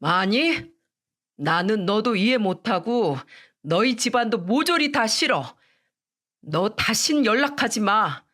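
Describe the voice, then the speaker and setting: A woman's voice: a little high, lively intonation, unhurried, a bit bright. A woman voicing a firm, decisive young man who speaks bluntly in a storybook drama. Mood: stern. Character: firm, cool-headed young man, a lawyer.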